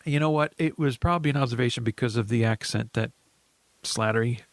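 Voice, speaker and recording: A man's voice: mid-range voice, fast talker, no echo. A man co-hosting a podcast, rambling through a casual movie recap with frequent laughs and restarts. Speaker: podcast co-host.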